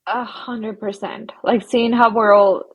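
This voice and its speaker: Husky-voiced woman from Colombia. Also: a little high, fairly even intonation, low-quality recording. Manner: reflective, halting, laughs softly between phrases. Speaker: guest, psychologist. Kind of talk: casual interview conversation.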